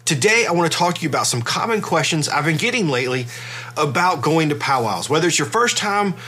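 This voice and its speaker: A middle-aged man hosting a podcast in a relaxed, conversational way, his voice congested and stuffy from a cold. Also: a little high, brisk, husky. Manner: relaxed, conversational, with fillers and restarts. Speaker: podcast host. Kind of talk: casual podcast talk.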